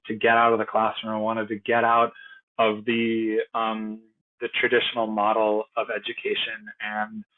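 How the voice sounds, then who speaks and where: A man working as a program instructor, giving an earnest, conversational informational presentation. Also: mid-range voice. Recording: tinny phone-like audio.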